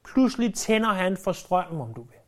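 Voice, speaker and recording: A preacher delivering a sermon in a lively way, often hesitating and repeating words, and acting out quoted speech with sudden jumps in pitch. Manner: frequent hesitation fillers and word repeats.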